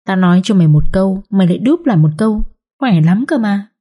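A woman voicing a sly, sharp-tongued young maid who mocks her rival, in a read-aloud story. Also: mid-range voice, expressive, fast, slightly rough. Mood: mocking.

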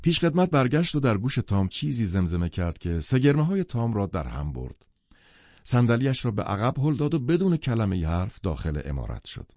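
A man reading an audiobook novel in an expressive storytelling manner. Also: mid-range voice, no echo. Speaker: audiobook narrator. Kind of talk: scripted audiobook narration. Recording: dull, dry lo-fi studio recording.

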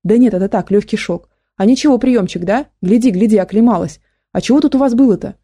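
A woman's voice: mid-range voice, fast talker, mellow, breathy edge, close to an everyday voice. A woman voicing a cocky, slangy teenage boy fighter in an audiobook. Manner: brash, slangy.

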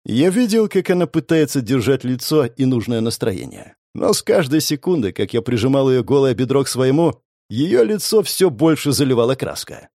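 A man narrating a first-person story in an expressive, sardonic way. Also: medium pitch, moderate pace, hardly any pauses, dry recording, clean studio sound. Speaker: audiobook narrator.

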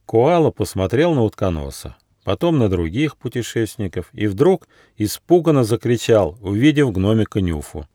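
A man reading a children's fairy tale with an animated, rising and falling voice. The sound is close and dry, with no room around it. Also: fairly low pitch, normal speed, few pauses, no echo. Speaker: author reading his audiobook. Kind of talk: storybook narration.

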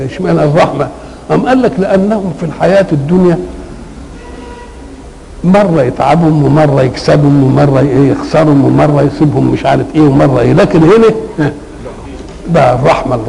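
Older man, Egyptian Arabic accent, gravelly voice, lecturing on scripture, rhetorical questions, slows to recite verses. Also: a little high, poor audio. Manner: conversational, poses questions then answers them, slows down to recite verses. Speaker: Quran commentator. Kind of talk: colloquial Quranic exegesis lecture.

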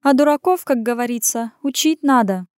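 A woman's voice: high-pitched, moderate pace, smooth, no echo, studio quality, voice pushed up, lightly acted. A woman putting on a sly purring temptress. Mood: teasing. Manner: bossy and mocking. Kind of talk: audiobook character voice.

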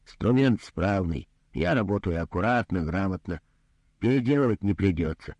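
Man voicing a brusque, condescending doctor in a comic story reading, husky low voice. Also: animated, moderate pace, a little mellow, no room sound, muffled recording. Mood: gruff. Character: greedy gruff male doctor, rude and businesslike.

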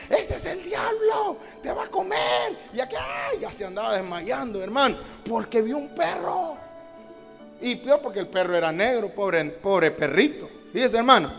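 A man from Honduras preaching from the pulpit, telling stories and swelling to shouted climaxes, calling the congregation "hermano" again and again. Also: sits high, lively intonation, moderate pace, big-room sound, soft background music. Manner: storytelling, repeats "hermano" and "amados hermanos" as refrains; builds to loud shouted climaxes. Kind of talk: sermon. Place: church, at the pulpit.

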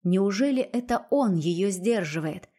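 A woman narrating a novel in the first person with an even, expressive reading. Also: mid-range voice, unhurried, breathy edge. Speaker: audiobook reader.

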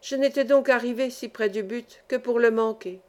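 A woman narrating a classic novel as an audiobook, in an even, clear storytelling manner. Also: a little high, moderate pace.

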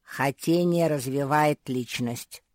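A woman voicing a strange, gruff snake-fox monster who barks slow, curt commands. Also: rumbling low, a little mellow, no room sound, clean studio sound.

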